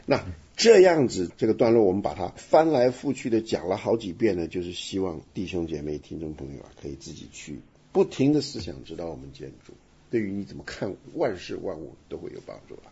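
A man's voice: low voice, big pitch swings, a little fast, creaky, warm tone, breathy edge, highs cut off. A man teaching the Bible on a radio program, talking emphatically and asking rhetorical questions. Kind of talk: radio Bible study discussion.

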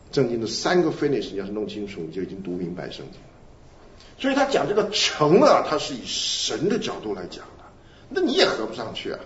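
A man preaching a sermon, animated, asking his listeners questions and answering them himself. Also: mid-range voice. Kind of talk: sermon teaching. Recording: roomy, dull lo-fi recording.

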